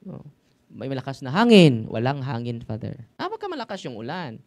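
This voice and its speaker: A Filipino-accented priest preaching in a loose, conversational way, peppering his talk with little tag questions. His voice sits at an ordinary middle pitch, and now and then he rises into loud, ringing exclamations. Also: huge pitch swings, fairly quick. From Philippines. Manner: chatty, tag questions, mixes languages, sudden loud exclamations. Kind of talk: informal sermon to a live audience.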